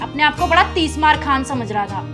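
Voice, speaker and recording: An actress playing a rude, bossy job candidate who insults people. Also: female voice, high voice, animated, a little fast, over music.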